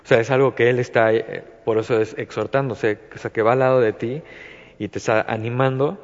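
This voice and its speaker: A man's voice: medium pitch, steady tone, fairly quick. Rambling Mexican man in a reverberant room. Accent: Mexican Spanish. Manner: rambling, many fillers and restarts. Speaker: Bible study speaker. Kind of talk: informal devotional talk. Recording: dull, reverberant recording.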